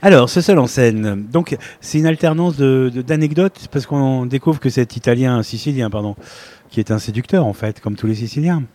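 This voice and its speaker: A man's voice: medium pitch, normal speed, dark tone. A man interviewing a performer, asking teasing, jokey questions in casual chat.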